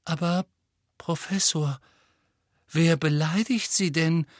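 A man voicing a timid teenage schoolgirl in an audiobook, speaking in a hushed, hesitant way. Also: sits high, animated, very slow, no room sound, studio quality, pitched above the performer's own voice, full character voice. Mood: timid concern.

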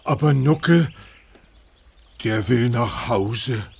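A man's voice: mid-range voice, takes it slowly, gravelly, slight background noise. An actor playing a kind, caring male friend of the animals in a children's audio drama, speaking earnestly. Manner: earnest, gentle.

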